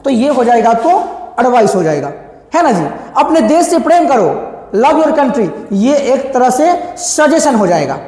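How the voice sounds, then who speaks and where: A male English teacher with a high-pitched voice, recorded in a roomy space where the sound rings on. He repeats every example, asks his own questions and answers them, and keeps checking that his students follow. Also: sing-song, unhurried, a little mellow. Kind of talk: classroom lecture explaining grammar.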